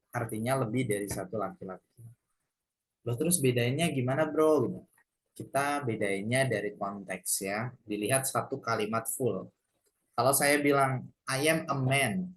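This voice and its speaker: A man teaching an English grammar lesson to a class, explaining slowly and patiently with casual asides. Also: mid-range voice, rough recording.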